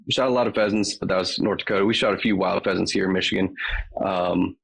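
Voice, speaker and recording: A man's voice: low voice, steady tone, fast talker, creaky, slightly rough, low-quality recording. A man with a Southern US accent, a podcast guest chatting casually and rambling with many ums. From Virginia. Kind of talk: casual chat.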